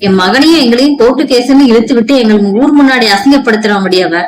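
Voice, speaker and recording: A woman voicing a harsh, scolding middle-aged mother-in-law who talks in a sharp, scornful way. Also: fairly high pitch, lively intonation, fast, natural voice, poor audio. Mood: angry scolding.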